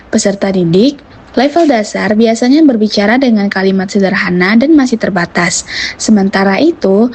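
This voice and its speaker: A woman reading a scripted educational explanation in a husky voice. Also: medium pitch, a little mellow. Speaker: narrator. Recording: slightly dull, lo-fi voice-over.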